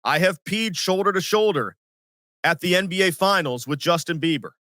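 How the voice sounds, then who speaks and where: A man in his forties hosting a sports podcast, telling stories in an animated, self-mocking way and acting out what others said. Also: high-pitched, normal speed, no room sound, studio quality. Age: 40s. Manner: animated, self-mocking storyteller who acts out quotes. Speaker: podcast host. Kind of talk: casual sports podcast storytelling.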